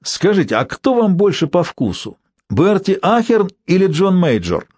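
A man's voice: high voice, sing-song, moderate pace, a little mellow, husky, no room sound, pitched above the performer's own voice, exaggerated voice. A man doing a crude, tactless middle-aged man. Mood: teasing. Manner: coarse, needling, grinning.

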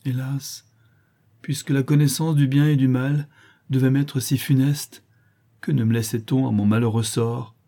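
A man's voice: mid-range voice, flat delivery, unhurried, mellow, close to an everyday voice. A man reading the part of a penitent young woman, pleading and anguished, in an audiobook.

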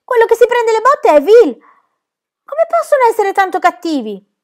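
Woman doing a very high, timid little girl. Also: sing-song, racing. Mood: worried. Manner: high, anxious questioning.

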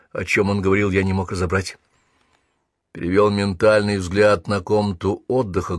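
A man reading a first-person story aloud as an audiobook narrator, measured and even. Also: fairly low pitch, no echo, clean studio sound.

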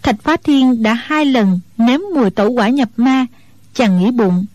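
A woman narrating a martial-arts novel in a steady storytelling voice. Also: fairly high pitch, measured pace, no echo.

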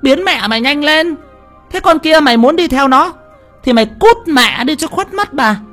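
A man's voice: extremely high pitch, big pitch swings, moderate pace, soft background music, pitched above the performer's own voice, full character voice. A man voicing a cruel, hot-tempered old mistress who screeches abuse. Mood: scornful. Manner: screeching, abusive, wailing.

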